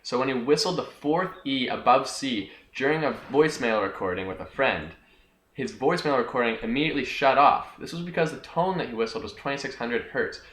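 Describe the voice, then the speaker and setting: A young man talks through a scripted history lesson with a bright, forward tone, cracking jokes and answering himself. The room around him rings with echo. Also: medium pitch. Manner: jokey, talks back to himself. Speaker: host of a homemade history video.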